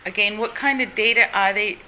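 A woman's voice: medium pitch, a little fast, bright, forceful tone, slight background noise, poor audio. A woman hosting a podcast interview, asking curious questions and reacting briefly. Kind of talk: casual interview.

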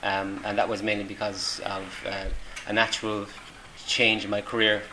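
A man's voice: lowish voice, monotone, moderate pace. A middle-aged Irish man answering interview questions in a hesitant way, with many ums and restarts. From Ireland. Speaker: interviewee, volunteer. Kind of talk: casual interview. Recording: noisy room ambience.

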